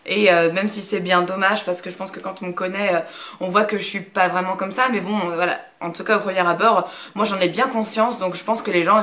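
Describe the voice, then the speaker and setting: A woman's voice: mid-range voice, a bit bright. A woman in her thirties from Brittany, talking to camera in a casual, hesitant way with lots of fillers, frank and reserved. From Brittany, France. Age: 30s. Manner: hesitant, many fillers and restarts. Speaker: YouTuber. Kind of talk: casual talk to camera, answering a question tag.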